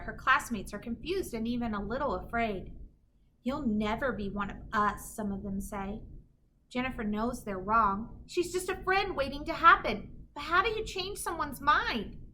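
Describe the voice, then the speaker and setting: Reading a picture book to children, a woman uses her bright, high-pitched voice expressively, leaning on important words with careful, storytelling phrasing. This teacher's low-quality recording carries a faint background noise.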